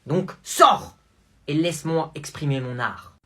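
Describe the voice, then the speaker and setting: A man with a husky voice playing a boastful boy who proudly declares he will quit school to become a painter, in a comedy skit. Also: a little high, a little slow, pushed and bright. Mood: grandiose. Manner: grandiose, self-important declarations.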